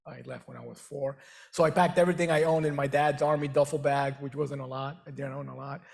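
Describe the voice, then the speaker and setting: In this on-stage conversation, the guest is a middle-aged Venezuelan man who grew up speaking Spanish. He talks earnestly in a gravelly, mid-range voice with fairly even intonation, halting and restarting frequently.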